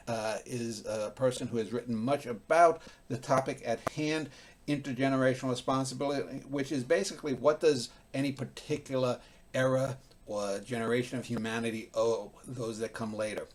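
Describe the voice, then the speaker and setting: Filler-heavy male interview host. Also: medium pitch. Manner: measured, filler-heavy questioning. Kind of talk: video-call interview questions. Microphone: video call.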